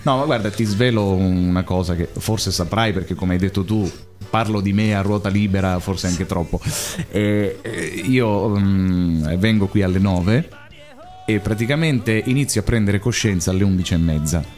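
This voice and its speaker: A man's voice: low voice, moderate pace, darkish tone, soft background music. A man hosting a live radio show from a studio, chatting casually and rambling about himself with chuckles. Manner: rambling, self-deprecating, chuckling. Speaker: radio host. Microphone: studio microphone.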